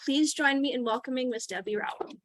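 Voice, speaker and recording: A woman's voice: high voice, fairly quick, no room sound. A woman giving club announcements and formally introducing a guest speaker.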